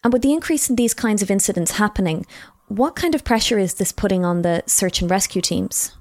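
A woman's voice: medium pitch, lively intonation, a little fast. A woman with an Irish accent presenting and putting questions to guests in a scripted style. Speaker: presenter, interviewer.

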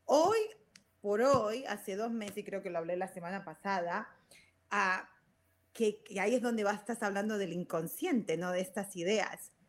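A woman's voice: mid-range voice, normal speed. A woman in her forties hosting a casual podcast chat, talking reflectively and dropping English fillers into her Spanish. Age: 40s. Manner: chatty and reflective, many restarts. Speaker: podcast host.

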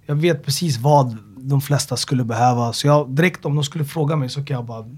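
A man's voice: mid-range voice, breathy edge. A man, a personal trainer, chatting casually on a podcast and telling stories with lots of swearing and acted-out dialogue. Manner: animated storyteller who swears and acts out dialogue.

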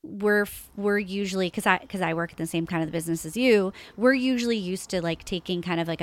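A woman's voice: fairly low pitch, no echo. A woman hosting a podcast about the spirits trade, asking questions in a friendly, chatty way and agreeing often. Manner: friendly, lots of backchannel agreement. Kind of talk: casual interview chat.

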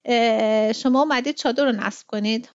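A woman's voice: on the high side, clear, resonant tone, dry recording, dull audio, close to an everyday voice. A woman voicing a shy young girl from a wealthy family in a storybook reading, speaking politely and a little hesitantly.

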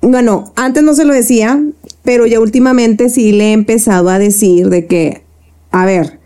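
A woman's voice: fairly high pitch, moderate pace, dark tone. A woman with a Mexican accent, co-hosting a casual podcast chat, speaking candidly and swearing freely as she vents. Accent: Mexican Spanish. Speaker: podcast co-host.

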